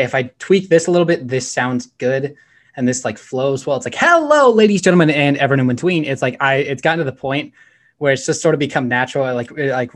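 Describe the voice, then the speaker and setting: Energetic young man, filler-heavy chat. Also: medium pitch. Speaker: podcast host. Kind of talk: casual chat.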